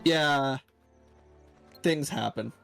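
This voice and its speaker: A guest player on a friend's stream, this man talks very slowly at a medium pitch, with vocal fry and a fairly bright tone. He chats casually while playing a video game and tells rambling stories, with faint music in the background.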